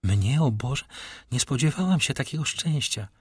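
A man voicing a gentle, grateful young woman in a read-aloud novel, earnest and eager. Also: mid-range voice, animated, normal speed, slightly rough, no echo, studio quality.

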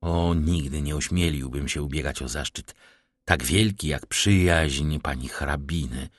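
A man voicing a reserved, melancholy nobleman who gives low, measured replies. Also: dry recording, clean studio sound. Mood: polite. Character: grave, reserved nobleman count, middle-aged man.

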